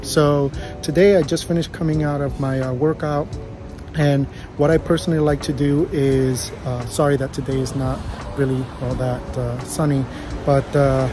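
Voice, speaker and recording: A man's voice: medium pitch, fairly even intonation, normal speed, music in the background. A man in his thirties talking casually to a close phone camera outdoors after a workout, hesitant with many fillers and restarts. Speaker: vlogger sharing a personal routine. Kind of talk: casual unscripted talk to camera. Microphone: phone camera held close. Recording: outdoor city noise behind.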